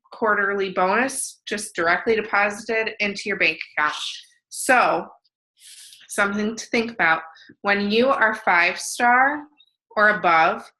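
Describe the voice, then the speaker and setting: Bright-voiced enthusiastic woman on a call. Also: mid-range voice, low-quality recording. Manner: enthusiastic, explaining with fillers. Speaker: team call co-host. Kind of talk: casual conference call.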